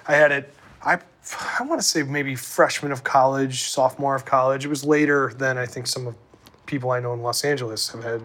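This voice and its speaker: A man's voice: medium pitch, steady tone, fairly quick, a bit bright. Chatty male host from the Midwest. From American Midwest. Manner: chatty, tangents, stammering restarts. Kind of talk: conversational interview.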